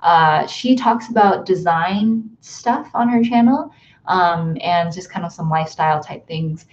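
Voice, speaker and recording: A young American woman chats casually to her viewers from her bedroom, drifting from thought to thought with plenty of ums and likes. Her voice sits a little low for a woman, and the audio comes through slightly dull and lo-fi. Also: measured pace. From United States. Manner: chatty, rambling, many ums and likes. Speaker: YouTuber hosting a livestream. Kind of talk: casual livestream chat. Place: bedroom at home.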